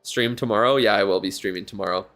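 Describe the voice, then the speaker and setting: A man's voice: on the low side, fast, a bit bright. A tired man streaming live, giving casual, rambling commentary on a viewer's game account and thinking aloud with lots of fillers. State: yawning, tired.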